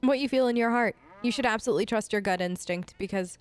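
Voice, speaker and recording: This woman speaks fast in a voice on the high side, improvising in-character replies as her player character during a role-play let's play. She sounds chatty, casual and somewhat hesitant, with game music running underneath.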